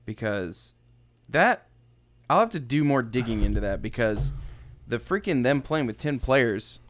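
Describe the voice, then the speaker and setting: A man's voice: mid-range voice, unhurried. A man co-hosting a podcast in casual chat, joking and laughing a lot. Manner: animated, laughs a lot, jokey. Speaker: podcast co-host.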